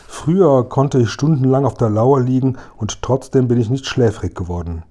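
A man voicing a gruff, greedy male robber who growls and mutters to himself in a storybook reading. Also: medium pitch, moderate pace, warm tone, natural voice. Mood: grumbling.

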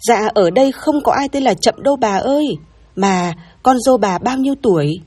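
A woman's voice: on the high side, animated, moderate pace, a little mellow, slightly rough. A woman voicing a polite, deferential young man who guards a restaurant, in a narrated audio story.

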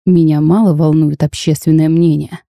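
Woman reading cursed dragon duke, male, curt, flat, reserved, storybook, dark mellow tone. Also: deep voice, moderate pace, vocal fry, dry recording, clean studio sound. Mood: cold.

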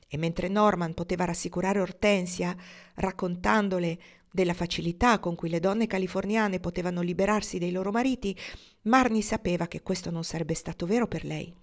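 A woman reading a novel aloud in calm, measured scripted narration. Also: fairly low pitch. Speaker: audiobook reader.

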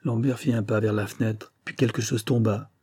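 A man narrating a literary audiobook in a measured, even storytelling manner, close to the mic. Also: lowish voice, slightly rough, dry recording.

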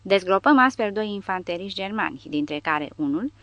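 A woman narrating an audiobook with a steady, dramatic reading. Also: medium pitch, no room sound. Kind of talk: scripted narration. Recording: dry, dull lo-fi recording.

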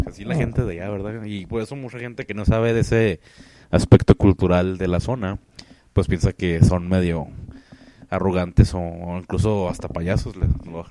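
A man's voice: low voice, fairly even intonation, moderate pace, warm tone, slight background noise. A man co-hosting a podcast in casual chat, joking and teasing his co-host.

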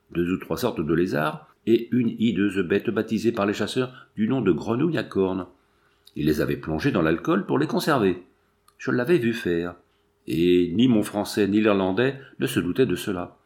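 A man reading an adventure novel aloud in a steady storytelling delivery. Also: lowish voice. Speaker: audiobook narrator. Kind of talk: scripted narration.

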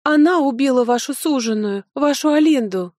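A woman voicing a fawning, panicky old male steward who pleads in a whiny, shrill way. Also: steady tone, fairly quick, a little mellow, dry recording, studio quality, close to an everyday voice. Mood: accusing.

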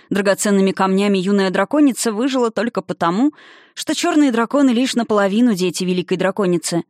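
A woman reading a fantasy novel aloud in a lively storytelling manner. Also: medium pitch, no echo, clean studio sound. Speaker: audiobook narrator. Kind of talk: scripted fantasy narration.

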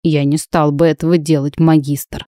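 A woman voicing a calm, self-assured bearded man who speaks in a measured way. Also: sits low, no echo, studio quality, close to an everyday voice.

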